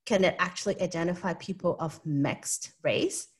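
A Hong Kong woman, a guest being interviewed, speaks Hong Kong-accented English in a lowish voice at normal speed. Her answers are earnest and explanatory, and she regularly checks in with "right?"

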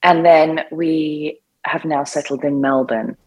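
A woman's voice: low-pitched, steady tone, takes it slowly, breathy edge, poor audio. A woman from the north of England, a yoga instructor talking candidly and chattily as a podcast guest. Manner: candid, chatty, self-deprecating. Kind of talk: casual interview chat.

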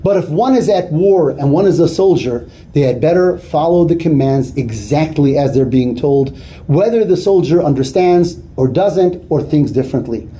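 A man giving an earnest sermon as a rabbi, weaving in a story told with lively quoted dialogue. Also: on the high side, moderate pace. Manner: earnest, builds to animated retelling of quoted dialogue.

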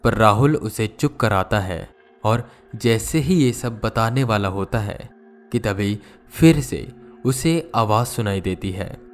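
A man narrating a scripted horror story in a slow, measured storytelling manner. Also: on the low side, animated, soft background music.

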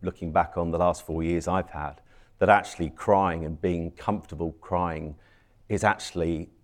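A man's voice: low-pitched, fairly even intonation, normal speed. A man speaking reflectively and earnestly as a guest on a discussion panel.

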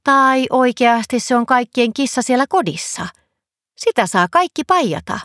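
A woman voicing an excited, curious little girl in a storybook reading. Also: on the high side, no echo, studio quality, pitched above the performer's own voice. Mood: eager.

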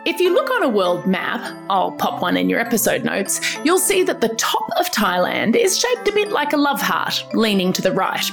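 A woman's voice: medium pitch, very animated, normal speed, vocal fry, few pauses, music in the background. A woman with an Australian accent, host of a children's podcast, giving an upbeat, scripted explainer aimed at young listeners. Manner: bright, upbeat storytelling. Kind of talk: scripted educational narration for children.

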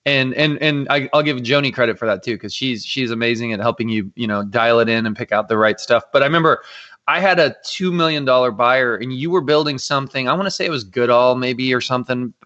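A man co-hosting a casual podcast, chatty and animated, with frequent restarts. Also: medium pitch, brisk, dull audio. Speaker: podcast co-host, real estate agent.

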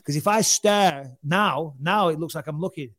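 A man in his forties hosting a casual podcast, brash and quick to swear as he tells stories into a studio mic. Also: on the high side, fairly bright tone. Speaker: podcast host. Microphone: studio mic with headphones.

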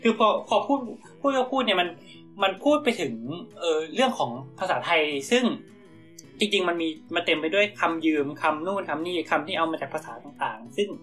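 A man's voice: high-pitched, expressive, brisk, fairly bright tone, faint music behind. A man co-hosting a casual podcast, telling an improvised story with many fillers and restarts. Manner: rambling, full of fillers and restarts. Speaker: podcast co-host.

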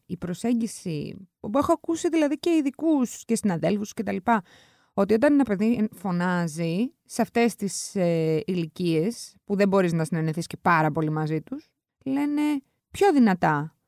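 A woman's voice: medium pitch, expressive, vocal fry, darkish tone, dry recording, clean studio sound. A woman hosting a podcast, chatting and asking questions, often voicing what parents would say. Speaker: podcast host. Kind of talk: casual podcast interview.

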